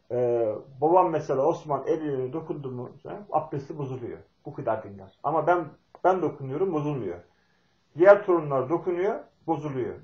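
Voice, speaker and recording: A middle-aged man from Turkey telling a folksy, meandering family story with pauses and fillers. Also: medium pitch, darkish tone, echoey room, highs cut off. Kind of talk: spoken talk with personal storytelling.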